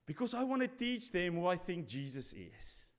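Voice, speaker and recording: A pastor in his forties preaches a sermon from the pulpit, telling a story and acting out both sides of the conversation. His high-pitched voice swings widely in pitch at a moderate pace. A stand mic at the pulpit picks him up amid the long reverb of a church hall.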